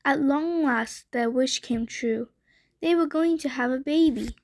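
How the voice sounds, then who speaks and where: A woman reading a bedtime story aloud, gentle and deliberate. Her voice sits high and she takes her time, letting each phrase settle.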